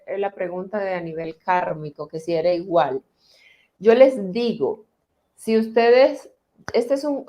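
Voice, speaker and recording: Middle-aged woman therapist, mid-pitched, calm, slow, reassuring guide to listeners. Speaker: transgenerational therapist. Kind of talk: guiding talk answering viewer questions.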